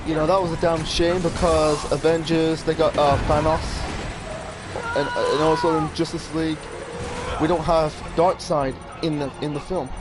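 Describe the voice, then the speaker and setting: A man from England giving casual, rambling commentary while playing a game, talking fast and swearing when things go wrong. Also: a little high, fairly even intonation, background noise. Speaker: gamer commentator. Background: faint game music.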